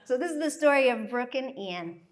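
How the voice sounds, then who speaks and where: An American woman who grew up in Thailand, giving a joyful, animated live presentation to a workshop group. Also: high voice, a little fast. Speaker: workshop speaker.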